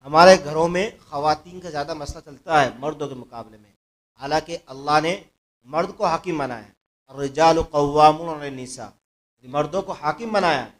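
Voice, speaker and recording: A mufti preaches to a mosque gathering in a slightly high voice. He tells a moral story earnestly, repeating phrases and letting his voice swell louder at the key moments.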